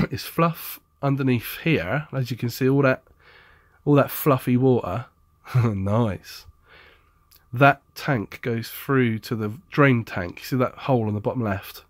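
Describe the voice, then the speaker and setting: Chatty tradesman, mid-pitched, blunt and jokey with some sarcasm, recorded close and dry for a DIY repair demo. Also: no room sound. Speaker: appliance repair technician. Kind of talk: casual how-to demonstration.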